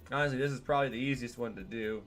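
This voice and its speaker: A man's voice: mid-range voice, very fast, faint music behind. A man streaming a game from home, chatting in a digressive way and talking to his cat as he plays. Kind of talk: casual gameplay stream commentary.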